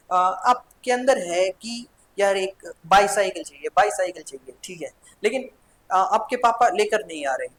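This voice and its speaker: A man's voice: high-pitched, fairly bright tone, low-quality recording. A man teaching an online grammar class to schoolchildren. He talks to them directly, checks in after almost every point and drops in playful little voices for his examples. A faint hiss sits under the recording. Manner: mixes Hindi with English terms, often checks with "ठीक है". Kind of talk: online grammar lesson for children.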